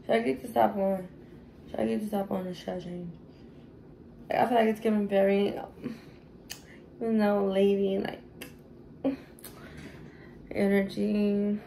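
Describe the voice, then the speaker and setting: A woman's voice: medium pitch, level tone, a little slow, creaky, long pauses, dark tone, a little hiss or hum. A tipsy young woman, chatting casually through a makeup tutorial in a rambling, sassy way, swearing freely. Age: young adult. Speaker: beauty vlogger.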